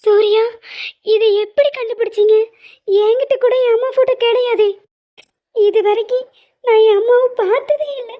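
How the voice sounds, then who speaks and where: This is a young cartoon wife, orphaned and overcome with emotion. Her voice is very high, and her speech is emotional and pleading. The sound is slightly dull and lo-fi. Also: fairly even intonation, moderate pace, long pauses. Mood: tearful.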